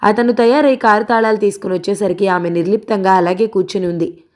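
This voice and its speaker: A woman narrating a novel in a steady, expressive storytelling voice. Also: medium pitch, quick pace. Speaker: audiobook narrator.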